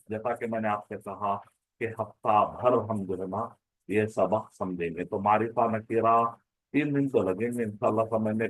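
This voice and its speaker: A man's voice: lowish voice, no echo, low-quality recording. Male teacher, explanatory and repetitive, dry close mic. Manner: explanatory, repeats and asks rhetorical questions. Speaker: Arabic grammar teacher. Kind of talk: online class lecture.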